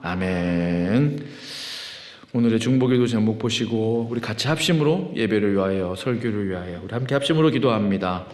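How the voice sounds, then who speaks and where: A man leading worship as pastor, reading scripture in a drawn-out chant, praying with fervent pleading, and preaching in a conversational way that asks the congregation questions. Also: on the low side, a little mellow. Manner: rising, fervent pleading in prayer. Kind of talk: sermon with scripture reading and prayer. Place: church sanctuary. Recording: echoey church hall with long reverb.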